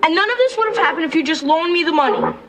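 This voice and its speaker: A man's voice: extremely high pitch, expressive, quick pace. A young actor playing an awkward teenage boy who is short on money, in a sitcom. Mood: sheepish. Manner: awkward, rambling. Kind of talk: sitcom acting. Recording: hissy old TV recording.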